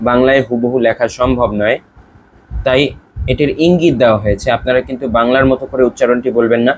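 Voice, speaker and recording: Male teacher, slide lesson, slow repeated letter drills, faint background hiss. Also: mid-range voice, poor audio. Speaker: Arabic alphabet teacher.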